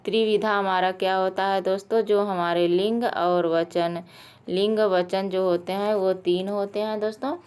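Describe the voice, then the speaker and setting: A woman with a smooth, medium-pitched, darkish voice and level tone walks through Sanskrit exam questions, explaining each answer. She addresses her viewers as friends, using fillers and correcting herself with quick apologies.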